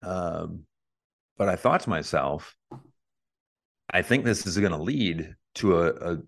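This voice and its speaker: Deep-voiced man, casual podcast co-host. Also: lively intonation, slow pace, vocal fry, a bit bright. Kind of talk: casual chat.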